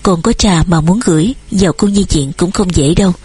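A stern male police officer lectures formally, read by a woman narrator in her own breathy voice. The tone is admonishing and even. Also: lowish voice, a little fast.

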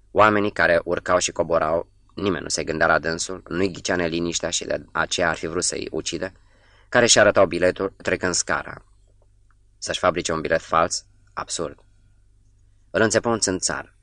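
Deep-voiced man narrating a novel. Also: no room sound. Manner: measured, steady reading. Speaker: audiobook narrator.

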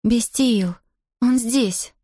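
A woman's voice: fairly high pitch, extremely slow, warm tone, slightly rough, no echo, clean studio sound, voice pushed up, exaggerated voice. A woman voicing a brave, determined young girl who talks urgently and gives orders. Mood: hushed. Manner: urgent, commanding.

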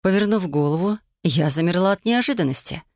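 A woman reading a first-person story aloud in a calm, even storytelling manner. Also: on the low side, fairly quick, dry recording, studio quality. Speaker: audiobook narrator.

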